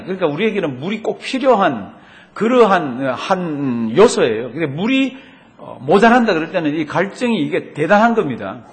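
Man, pastor, sermon, lively swooping delivery, slightly high voice, rhetorical questions, drawn-out verses. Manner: animated preaching, drawn-out quoted verses, rhetorical questions to the congregation.

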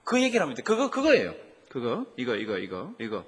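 A pastor teaches the Bible in a sermon full of questions aimed at the congregation. His medium-pitched, slightly rough voice swings hugely in pitch and moves briskly, echoing with long hall reverb.

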